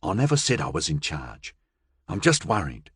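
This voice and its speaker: Earnest worried young guy, a bit sheepish, lively voice, narrator doing him. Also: mid-range voice, normal speed, slightly rough, dry recording, studio quality, voice pushed up. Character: anxious young man, sheepish, gentle.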